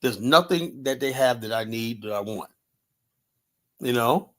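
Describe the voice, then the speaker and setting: Hosting a combative live stream, a man from the United States argues bluntly and swears freely, leaning on "you know" fillers. He has a mid-range, slightly bright voice that sounds animated yet unhurried.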